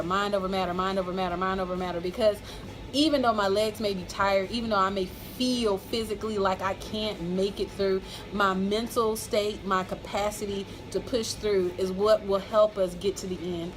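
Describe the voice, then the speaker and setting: A woman's voice: medium pitch, noisy background. An American woman speaking as a school principal, giving an encouraging, emphatic motivational talk to staff and repeating key phrases.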